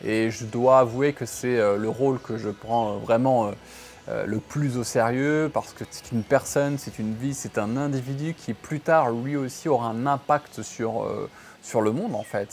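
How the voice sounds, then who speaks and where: Male entrepreneur, 30s, from France, direct motivational vlog delivery, mid pitch, light background hiss. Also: a little mellow. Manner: direct, addresses viewer as "tu", many fillers. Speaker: entrepreneur sharing life lessons. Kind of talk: motivational monologue to camera. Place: his home.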